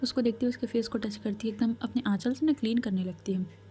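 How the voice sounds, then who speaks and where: A woman narrating a love story in a casual, chatty manner, dropping in conversational asides to the listener. Her voice is mellow and warm in tone, and she often drops to a soft, half-whispered delivery. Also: a little high, steady tone, brisk, slight background noise.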